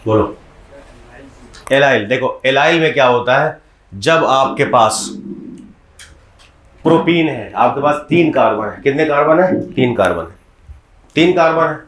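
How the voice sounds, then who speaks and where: Breaking chemistry down step by step, a male teacher keeps checking in with his class through frequent questions. His mid-range, fairly bright voice is expressive and unhurried, with long pauses, and the classroom walls give a clear echo.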